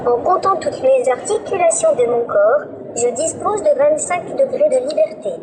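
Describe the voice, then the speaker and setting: Cheerful humanoid robot with a synthetic female voice. High, even text-to-speech read on a noisy exhibition floor. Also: moderate pace. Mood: chipper. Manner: even, politely scripted delivery. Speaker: demonstration robot presenting itself.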